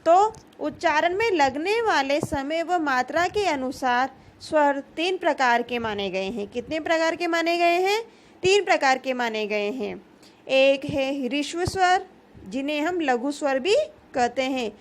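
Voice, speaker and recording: High-voiced woman teaching grammar. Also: expressive, measured pace. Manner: asks questions and answers them herself; repeats key terms patiently. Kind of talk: grammar lesson.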